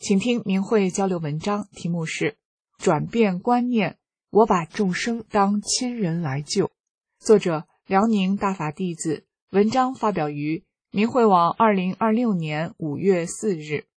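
Woman, announcer, formal, slightly husky, dry close sound. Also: mid-range voice, unhurried, a little mellow, no room sound. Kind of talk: program introduction.

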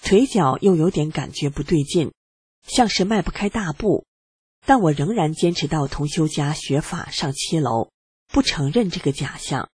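A reader calmly and earnestly narrating a personal account in the first person, with a husky voice. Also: mid-range voice, moderate pace, no room sound. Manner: calm, earnest reading.

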